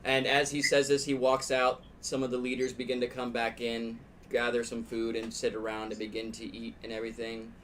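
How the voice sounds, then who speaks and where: Guy running a dnd game, halting improvised narration, average pitch, bit of background noise. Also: completely flat delivery, a bit bright. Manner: halting, repeats words as he improvises. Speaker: game master.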